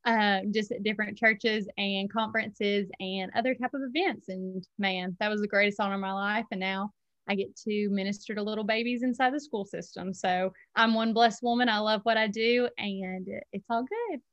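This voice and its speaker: A woman's voice: medium pitch, steady tone, a bit bright, highs cut off. A young woman from Alabama with a Southern accent, a bubbly and playful guest chatting on a podcast. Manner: bubbly, playful, quick to laugh. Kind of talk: casual interview chat.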